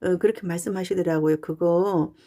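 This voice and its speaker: A woman fan channel YouTuber talking casually and earnestly to her viewers, pausing often with "uh". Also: on the low side, steady tone, warm tone. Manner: chatty and earnest, with frequent "uh" pauses. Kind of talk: casual talking-head monologue.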